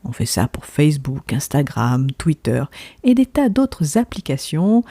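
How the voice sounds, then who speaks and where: A woman's voice: deep voice, big pitch swings, unhurried, mellow, slightly rough, no room sound. A woman from the south of France hosting a podcast, delivering a scripted monologue with conversational asides and questions put straight to the listener. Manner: rhetorical questions, addresses listeners directly. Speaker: podcast host.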